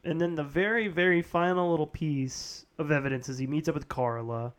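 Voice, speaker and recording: A man's voice: on the high side, fairly even intonation, a little fast. A man co-hosting a casual TV recap chat in a joking, conversational way. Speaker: podcast co-host.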